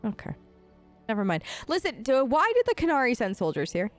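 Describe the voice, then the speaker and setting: This gaming host talks fairly quickly in a fairly high, sing-song voice while improvising in-character replies as her player character. Her role-play let's play delivery is chatty, casual and a little hesitant, with game music playing beneath.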